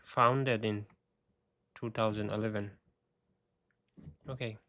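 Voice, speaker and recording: A man hosting a casual screen-share walkthrough, thinking aloud with halting restarts, and he is losing his voice. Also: fairly low pitch, fairly even intonation, no echo, dull audio. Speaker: tech video host.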